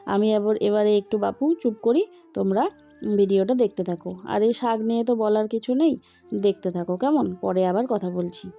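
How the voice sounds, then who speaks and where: A woman's voice: mid-range voice, normal speed, vocal fry. A middle-aged woman, talking viewers through her cooking step by step in a chatty voice-over. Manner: talkative, explains each step to viewers. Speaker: vlogger. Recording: dull lo-fi voice-over with background music.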